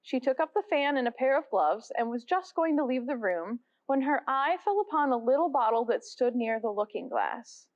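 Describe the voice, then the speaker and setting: A woman reading a children's classic aloud as a guest reader, with animated storytelling. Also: high voice, moderate pace, few pauses, lo-fi sound. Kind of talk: expressive read-aloud narration.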